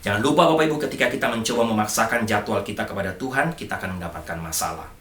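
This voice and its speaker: Bright-voiced pastor preaching in echoey hall. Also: male voice, on the low side, rapid-fire. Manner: emphatic, addresses congregation often. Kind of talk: sermon.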